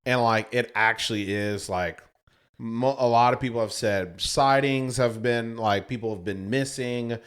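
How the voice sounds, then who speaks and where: A man co-hosting a podcast in casual chat, chiming in with short, relaxed reactions. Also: mid-range voice, a little slow, clean tone. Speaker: podcast co-host.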